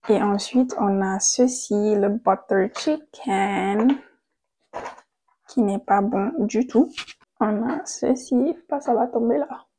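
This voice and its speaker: A young woman vlogging casually into a handheld mic at home, chatty and quick to laugh, trailing off and restarting her thoughts. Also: medium pitch, warm tone, breathy edge. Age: young adult. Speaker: content creator. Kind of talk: casual vlog chat. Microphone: handheld microphone.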